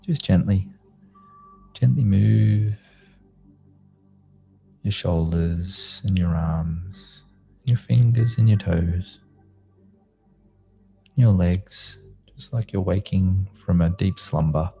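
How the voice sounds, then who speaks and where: A man leading a guided meditation in a slow, gentle, soothing manner, like a sleep story narrator, in short spaced phrases. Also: deep voice, creaky, faint music behind. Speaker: meditation guide, host of a live group session.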